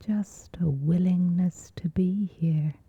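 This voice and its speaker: Speaking softly in a near whisper, a woman calmly walks through a scripted sleep meditation, pausing at length between brief phrases. Her lowish voice has a husky quality. The recording is dry, with the highs cut off.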